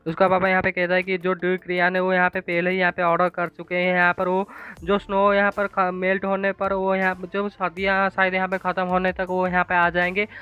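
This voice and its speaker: Male recap narrator, high and smooth, rambling filler-heavy delivery; dull lo-fi track with faint music. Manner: rambling, repeats filler phrases constantly. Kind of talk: casual storytelling recap.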